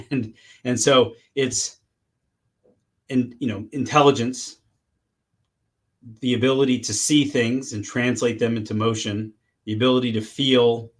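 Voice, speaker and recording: Halting middle-aged man, interview answers. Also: medium pitch. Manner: halting, many restarts and fillers, laughs often. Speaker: interviewed surgeon.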